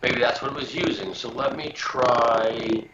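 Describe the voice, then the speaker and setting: A man, a security professional on a video call, explaining with everyday analogies in a halting way, his voice coming through robotic and distorted. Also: mid-range voice, steady tone, lo-fi sound, a loud crowd. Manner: halting, many restarts. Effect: robotic, distorted metallic voice. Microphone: video call microphone.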